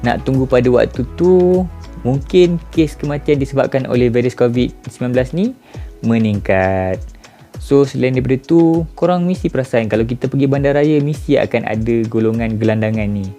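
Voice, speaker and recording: A man in his mid-twenties speaks with a Malaysian Malay accent in a relaxed, informal monologue. He puts rhetorical questions straight to his viewers. His voice is dark and mellow, at a middle pitch, with soft music playing faintly underneath. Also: normal speed. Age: 20s. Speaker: vlogger. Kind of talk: casual reflective monologue to camera.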